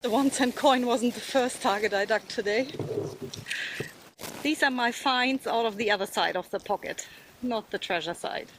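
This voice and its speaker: A woman who hunts treasure with a metal detector hosts a vlog, casually chatting while she digs and musing aloud with tag questions. Her voice is a little high at a normal speed. The recording is rough, with slight background noise.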